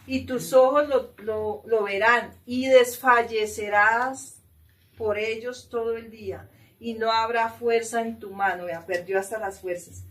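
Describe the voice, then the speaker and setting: A woman's voice: fairly high pitch, fairly even intonation, measured pace. A woman leading a Bible study, reading scripture aloud and explaining it, with frequent questions to her listeners. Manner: reads scripture then explains, asks the group questions. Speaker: Bible teacher. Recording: distant mic with faint room noise.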